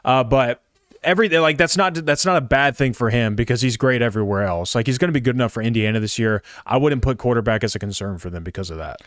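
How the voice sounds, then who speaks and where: A man co-hosting a college football podcast, relaxed and thinking out loud. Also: medium pitch, fast, no room sound, studio quality. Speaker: co-host. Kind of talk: casual sports podcast chat.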